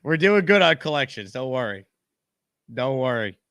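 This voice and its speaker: Bright-voiced male sports show host. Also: medium pitch, very animated, normal speed, clean tone, dry recording, clean studio sound. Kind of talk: live sports talk show.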